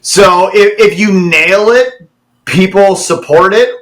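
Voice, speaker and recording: A man's voice: sits high, slow pace, a bit bright. A man in his thirties hosting a podcast, laid-back and wry, reflecting on his old band days. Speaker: podcast host. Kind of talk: casual podcast chat.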